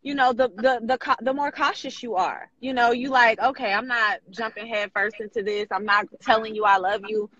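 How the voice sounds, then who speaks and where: A woman chatting casually while calling in from her car while driving, agreeing along with relaxed slang. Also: fairly high pitch, moderate pace, few pauses. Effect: calling in from her car, lo-fi phone line. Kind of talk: casual chat.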